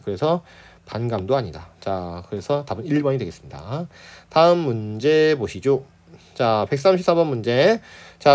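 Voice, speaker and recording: Here the Korean literature tutor speaks at a medium pitch with a slightly mellow tone. Chatting his way through an exam problem set, he asks "right?" often, mocks incorrect answers, and acts out characters in short, playful asides.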